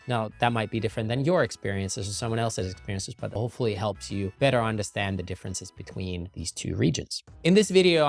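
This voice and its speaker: Man, low voice. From Finland. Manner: conversational, lively rises in pitch and loudness on key points. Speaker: YouTuber, entrepreneur. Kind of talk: casual explainer to camera.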